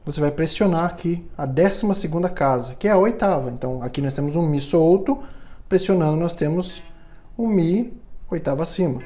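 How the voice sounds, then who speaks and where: A man's voice: fairly high pitch, expressive, brisk, mellow. Man patiently teaching guitar setup. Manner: patient, step-by-step, frequent check-in tags. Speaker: luthier instructor. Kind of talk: hands-on tutorial demonstration.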